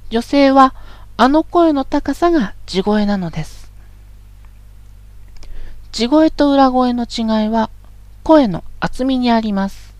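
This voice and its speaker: A woman giving a calm, polite, instructive voice training lesson as scripted narration. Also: fairly high pitch, dry recording.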